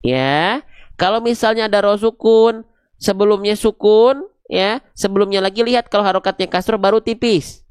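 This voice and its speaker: A Quran recitation teacher leading an online class, explaining patiently, going slowly and checking often that learners follow. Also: medium pitch, smooth, no echo, studio quality. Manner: patient, repeats slowly, demonstrates sounds. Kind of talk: live online class with a whiteboard.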